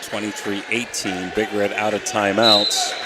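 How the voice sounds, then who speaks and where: A man hosting a high school volleyball broadcast, giving steady score recaps and lifting his voice for big moments. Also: unhurried, over a noisy crowd, heavy background noise. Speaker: broadcast host. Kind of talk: sports broadcast score updates.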